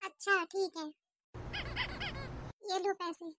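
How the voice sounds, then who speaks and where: Voice actor doing a tiny-voiced fed-up cartoon wife, moaning about lent cash, super high pitch. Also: flat delivery, slow pace, noisy background. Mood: impatient. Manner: complaining, grumbling to herself. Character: exasperated housewife lending money, adult woman. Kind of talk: cartoon voice acting.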